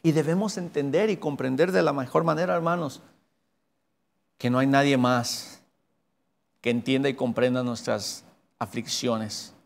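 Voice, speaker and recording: A man teaching Sunday school in an earnest preaching style, asking his listeners rhetorical questions, with emphatic rises and low, quiet drops. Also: fairly even intonation, measured pace, creaky, long pauses. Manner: earnest preaching, rising to emphatic peaks then dropping low.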